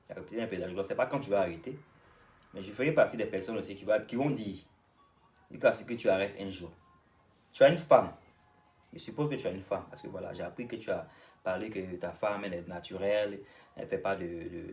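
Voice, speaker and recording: A man's voice: fairly low pitch, a little mellow, recorded from a distance. A man from Côte d'Ivoire with an Ivorian French accent, ranting straight at another creator in a vlog, lecturing and repeating his points. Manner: lecturing, repetitive, addresses his target directly. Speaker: vlogger and singer. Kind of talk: ranting monologue to the camera.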